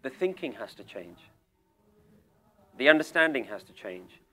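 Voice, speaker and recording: A man's voice: mid-range voice, sing-song, unhurried, pushed and bright. Emphatic man giving a spiritual talk. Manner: questioning, emphatic, rhetorical. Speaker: spiritual teacher. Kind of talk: spiritual talk to a seated group. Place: room with a small audience.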